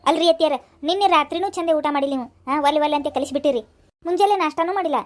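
A woman's voice: high voice, very fast, natural voice. A woman voicing a dutiful young daughter-in-law in a cartoon, chattering and pleading with a North Karnataka accent. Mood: chatty pleading. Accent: North Karnataka Kannada.

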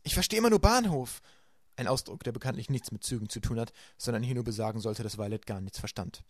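A man reading a children's novel aloud as a homemade audiobook, in brisk, even storytelling. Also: on the low side, dry recording, clean studio sound. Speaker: audiobook narrator.

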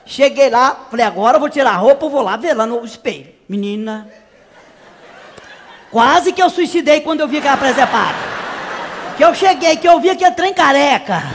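A man's voice: very high voice, animated, a little fast, long reverb tail, noisy background. A male comedian on a live stage playing a brash, dramatic middle-aged woman, telling a story in a gossipy way with shrieks. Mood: aghast. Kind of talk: live stand-up character monologue.

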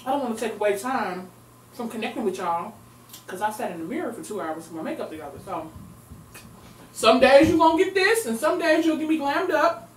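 A very animated young mukbang vlogger speaks briskly in a high-leaning voice while eating on camera, her casual chat blending with murmured eating sounds. A distant camera mic in her echoey home recording room captures her from far off, with a little hiss or hum.

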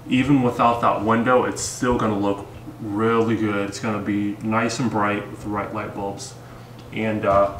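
An upbeat young man chats his way through a house renovation in a casual vlog, scattering fillers as he goes. He is recorded on a handheld camera at arm's length, with his voice bouncing around bare, echoey rooms. A clear hum of background noise runs under everything. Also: mid-range voice, a bit bright. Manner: upbeat, chatty, with frequent fillers. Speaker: home renovation vlogger. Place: house under renovation and its yard, indoors and outdoors. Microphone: handheld camera held at arm's length.

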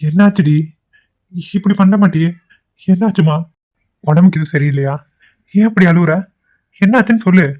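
A performer voicing a gentle, anxious young husband in a cartoon, asking questions and reassuring his wife. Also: medium pitch, normal speed, long pauses, close to an everyday voice. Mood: worried. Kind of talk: cartoon voice acting. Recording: tinny phone-like sound.

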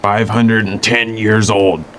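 An actor playing a cranky, gruff 510-year-old little man who curses freely in a film scene with the sheriff. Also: fairly low pitch, flat delivery, slow pace, fairly bright tone, a little hiss or hum. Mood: grumbling. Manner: gruff, touchy and cursing. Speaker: townsperson talking to the sheriff. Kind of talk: film dialogue.

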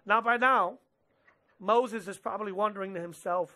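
A man in his thirties preaching a sermon from a church stage into a headset mic, animated and gesturing, slipping into quick quoted asides. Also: sits high. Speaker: pastor. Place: church stage with drum kit behind, indoors.

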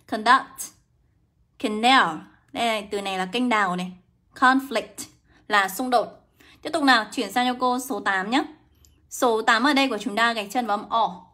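A young woman runs a live English lesson. Her voice is bright and a little high, and she talks in a brisk, coaxing way. She keeps calling out to her viewers by name as she goes. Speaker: English teacher. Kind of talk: livestream lesson.

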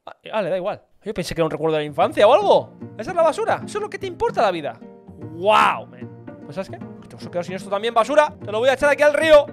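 A man with a Spanish accent from Spain runs through gameplay in a lively, swooping voice, chattering at the on-screen characters and yelping when things go wrong. His pitch jumps all over the place. Faint game music plays under him. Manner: excitable, chatters to game characters, sudden yelps. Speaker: gaming YouTuber. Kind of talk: gameplay commentary.

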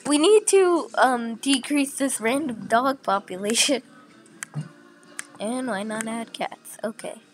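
A young channel host who is sick, her voice sounding a bit off, chats casually through a screen recording with lots of fillers. She speaks slowly in a slightly high voice, with faint music in the background.

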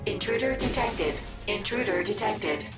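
A woman voicing a stern female security computer on a ship in a video game, giving flat, clipped automated announcements. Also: mid-range voice, measured pace, lightly acted. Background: loud game music.

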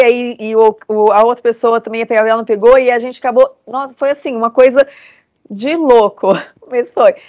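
A Brazilian lecturer in her forties gives students an earnest, emphatic motivational talk over a video call, repeating phrases for conviction. Her voice is slightly high and a little mellow, in a dry recording.

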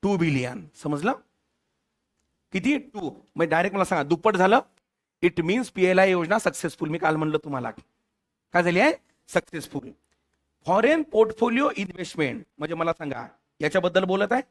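High-voiced man quizzing exam students. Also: animated, fairly quick. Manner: quizzes students constantly, mixing English terms. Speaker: competitive exam teacher. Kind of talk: lecture with questions to students.

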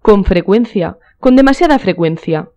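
A woman's voice: medium pitch, expressive, moderate pace, mellow, dull audio, lightly acted. A woman voicing a charming young male aristocrat in a storybook reading, with a light, easy manner.

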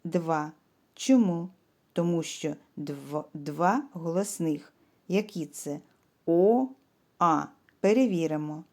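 A woman teaching young children. She is patient, asks simple questions and leaves pauses for answers, and she stretches words out syllable by syllable. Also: sits low, mellow. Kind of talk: slow, clear lesson for young children.

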